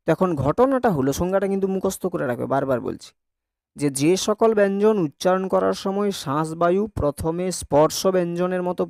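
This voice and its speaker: A man's voice: high-pitched, a little mellow, dry recording, clean studio sound. Male teacher drilling pronunciation. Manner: repeats words to drill pronunciation; asks the class checking questions. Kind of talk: classroom lesson on Bengali grammar.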